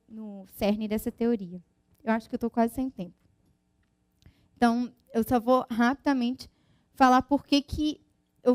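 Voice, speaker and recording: A woman's voice: fairly high pitch, no room sound. Chatty woman giving a science talk. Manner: chatty, frequent tag questions and restarts; explains with lively everyday examples. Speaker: physicist giving a conference talk. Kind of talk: informal conference presentation.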